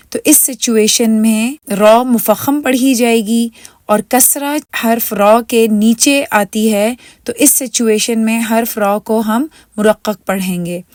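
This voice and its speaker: Woman teacher, Pakistani Urdu accent, slightly high voice, patient explainer who mixes in English words. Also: darkish tone. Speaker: Quran recitation teacher. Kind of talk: recorded online lesson over slides.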